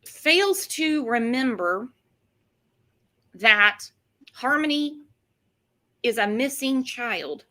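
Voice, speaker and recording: Female true-crime host, sarcastic and chatty, bright forceful voice sitting a bit high. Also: big pitch swings, very slow, pauses often. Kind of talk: casual true-crime commentary chat.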